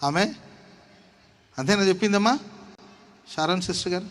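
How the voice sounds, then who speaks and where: A male pastor preaching a sermon in a dramatic way, acting out dialogue and building to loud, forceful passages. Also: sits high, normal speed. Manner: dramatic, acts out dialogue, rises to shouting.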